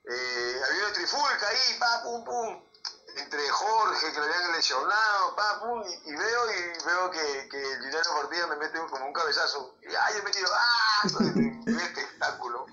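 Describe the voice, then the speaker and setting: A Peruvian-accented man spins animated football anecdotes with sound effects like "pa, pum". His voice is bright and sits somewhat high. The recording is dull and roomy, with faint music behind. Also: normal speed. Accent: Peruvian Spanish. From Peru. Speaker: former footballer guest. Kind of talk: anecdotal interview storytelling.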